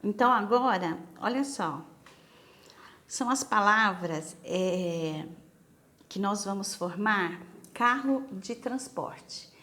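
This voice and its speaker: Brazilian woman, english teacher, unhurried, patient, repeats words for the class. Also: medium pitch, lively intonation, sharp tone. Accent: Brazilian Portuguese. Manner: patient, repeats each word and prompts students to repeat. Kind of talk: slow English lesson for senior students.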